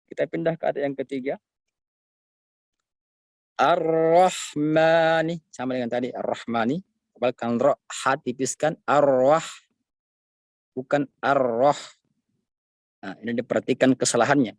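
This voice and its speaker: A man teaching Quranic recitation in an online lesson, patiently showing each sound slowly and correcting it, sometimes breaking into a drawn-out melodic chant. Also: medium pitch, no room sound.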